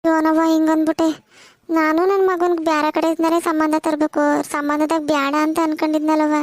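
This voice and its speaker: A woman's voice: sits high, completely flat delivery, a little fast, dry recording, natural voice. A woman voicing a curious, sympathetic village woman with a rural Karnataka Kannada accent.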